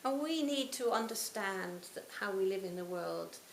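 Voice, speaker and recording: A woman in her sixties giving a reflective Buddhist talk to a retreat audience, her phrases often trailing off softly. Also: mid-range voice, lively intonation, normal speed, creaky. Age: 60s. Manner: reflective, warm storytelling with soft trailing phrase ends. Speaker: Buddhist teacher. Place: retreat hall. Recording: roomy hall, faint hiss.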